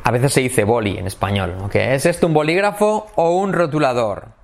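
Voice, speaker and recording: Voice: mid-range voice, lively intonation, normal speed. An English teacher drilling pronunciation for Spanish speakers, repeating phrases and exaggerating sounds.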